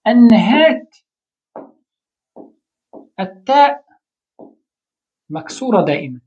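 A woman's voice: fairly high pitch, sing-song, slow pace, mellow, faint music behind. A woman teaching a grammar lesson, explaining step by step and posing questions to her students. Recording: dull lo-fi recording.

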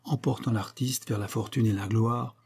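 A man narrating a detective story as an audiobook reader, measured and even. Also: on the low side, creaky, breathy edge.

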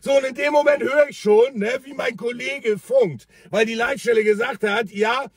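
A man's voice: very high-pitched, normal speed, husky, no room sound, clean studio sound, distant mic. A man, a paramedic, animatedly telling a story about a call-out and acting out the dialogue. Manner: animated, exasperated, acts out the dialogue. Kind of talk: storytelling vlog.

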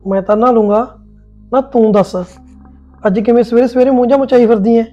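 A man's voice: very high voice, fairly even intonation, a little fast, dull audio, soft background music. A man playing an easygoing young husband in a joint family, placating both his wife and sister-in-law. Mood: calming. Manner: placating, peacemaking. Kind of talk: Punjabi family sketch acting.

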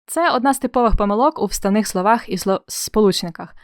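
A woman's voice: mid-range voice, fast, dry recording, clean studio sound. A young woman teaching an exam-prep spelling lesson, explaining in a friendly way with playful comparisons and questions to the viewer.

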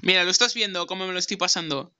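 A man's voice: sits high, racing, sharp tone, clean tone, muffled recording. A young man from Spain, commentating his gameplay brashly and swearing as he argues with someone off-mic. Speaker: gaming streamer.

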